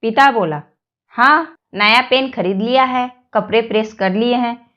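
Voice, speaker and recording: A woman reads short jokes one after another and keeps the same plain voice for every character. Her voice sits fairly high. The recording is echoey and muffled. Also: measured pace, bright, forceful tone. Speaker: joke reader. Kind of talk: reading jokes aloud.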